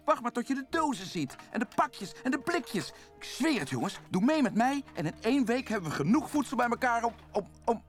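A pushy, excitable raccoon con artist in an animated film dub. His pitch leaps all over as he sells his pitch. Film score runs clearly behind him. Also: fairly quick, faint music behind. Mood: scheming. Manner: salesman-like, excitable, persuasive. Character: fast-talking scheming male raccoon hustler. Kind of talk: Dutch cartoon dub.

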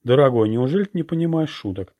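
A man's voice: medium pitch, lively intonation, fast, mellow, dry recording, pitched above the performer's own voice, close to an everyday voice. A man putting on a languid teasing witch woman. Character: seductive mocking female witch.

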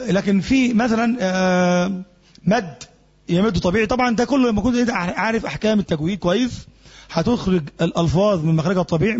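A quick-talking Egyptian man teaches a religious lesson in a fairly high, husky voice. He explains each point and keeps putting questions to his class. The recording is dull and lo-fi. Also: a little mellow. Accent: Egyptian Arabic. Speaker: sheikh teaching Islamic jurisprudence.

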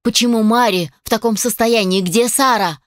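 A woman voicing a stern grown male necromancer lord in an audiobook, speaking cold, low and clipped. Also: normal speed, dry recording, clean studio sound, natural voice. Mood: demanding. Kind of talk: audiobook character voice.

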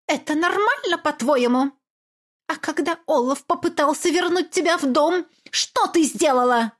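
Lady doing a mad shrill mom in an audiobook, high and loud, yelling accusations. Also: normal speed, natural voice. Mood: venomous. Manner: screaming, sarcastic, accusing. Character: furious middle-aged mother, shrill and venomous. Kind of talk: audiobook character voice.

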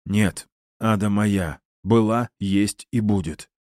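A man voicing a broken, weary male professor who answers slowly and heavily. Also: lowish voice, darkish tone, no room sound, studio quality.

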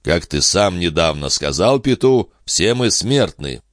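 A gruff, grave older farmer, as a male audiobook reader voices him. He speaks tersely in a very low voice, stern and grumbling. The recording is dry and close. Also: big pitch swings, unhurried, no room sound.

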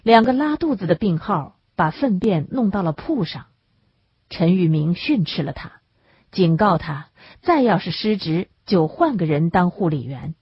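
A woman narrating an audiobook in a measured, even storytelling manner, recorded close on the mic. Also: on the low side, breathy edge, no room sound. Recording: dull lo-fi recording.

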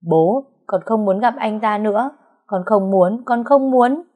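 A woman's voice: mid-range voice, moderate pace, dark tone, lightly acted. Woman doing a tearful heartbroken young wife. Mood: defiant. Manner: crying, pleading, insistent.

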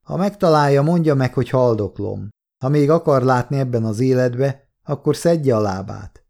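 A man voicing a dying older woman with a smoky, raspy voice who talks bluntly and wearily. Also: medium pitch, a little mellow, voice pushed up, natural voice. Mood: bitter, resigned. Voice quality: raspy, smoke-roughened. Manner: blunt, weary, coarse talk.

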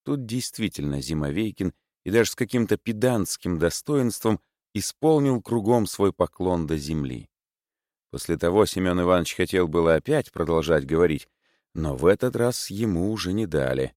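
A man narrating a classic novel as an audiobook, measured and even. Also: low-pitched, no room sound, studio quality.

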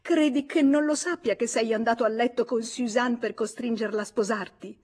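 A woman voicing a furious, indignant jilted lover who shouts her accusations in a radio audiobook reading. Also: fairly high pitch, fairly even intonation, moderate pace, pitched above the performer's own voice, natural voice. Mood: furious, accusing.

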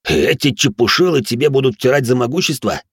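A man's voice: medium pitch, expressive, brisk, breathy edge, dry recording, clean studio sound, pitched above the performer's own voice. A man voicing a blunt male ex-soldier who speaks in a mocking, slangy way.

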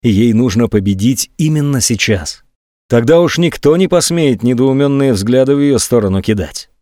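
A male audiobook narrator with a mid-pitched voice, reading a novel expressively. The sound is dry and close, with no room echo. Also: expressive, moderate pace, warm tone. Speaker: audiobook reader.

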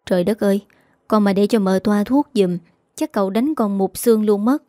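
A woman voicing a clumsy, put-upon young male servant who talks in a quick, whiny, flustered way. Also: high-pitched, warm tone, no echo, studio quality, lightly acted. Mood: grumbling.

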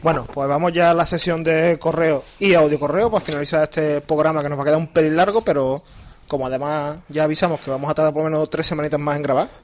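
A man's voice: a little high, steady tone, quick pace. A man co-hosting a casual podcast, reading listener emails aloud in a chatty way. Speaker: podcast co-host.

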